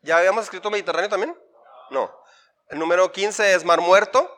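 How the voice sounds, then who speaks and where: Before a congregation in church, a pastor runs an interactive Bible workshop, speaking playfully and drilling listeners with repeated lists and questions. His voice is high, a bit bright and slightly fast.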